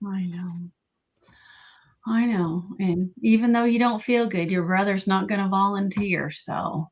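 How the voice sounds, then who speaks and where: A woman's voice: mid-range voice, fairly even intonation, measured pace. A woman hosting a live sale chat, friendly and upbeat as she starts things off. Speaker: host.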